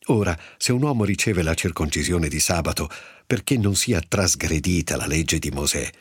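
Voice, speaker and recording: Jesus as a calm, commanding teacher, voiced by a man reading aloud. The voice sits low and a little husky, delivered in a measured, solemn cadence. Dry sound with no room around it. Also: no echo.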